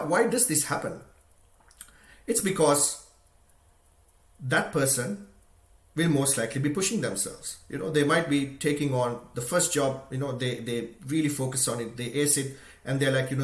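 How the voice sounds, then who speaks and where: A man's voice: medium pitch, normal speed. A man from Sri Lanka giving an earnest, conversational motivational talk, full of "you know" and "right?". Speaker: motivational speaker. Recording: echoey room.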